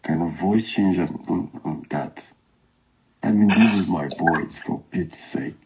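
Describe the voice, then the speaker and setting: Man through a deep gravelly voice changer. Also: a little mellow. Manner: defensive, halting and pleading. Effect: voice changer, unnaturally deep and gravelly. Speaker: caller in an online romance. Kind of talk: phone call. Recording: dull lo-fi call audio.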